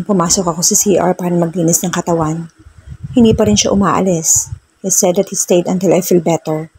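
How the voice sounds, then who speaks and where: Low, husky woman storyteller. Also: no echo. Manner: soft-spoken, switches between Tagalog and English. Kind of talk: first-person romance story narration.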